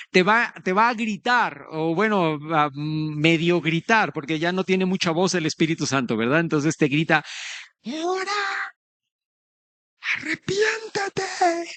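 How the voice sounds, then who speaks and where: Male pastor, high voice, earnest direct preaching, dry close sound. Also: a bit bright, dry recording. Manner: earnest, conversational preaching, often addressing listeners as brother. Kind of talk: sermon.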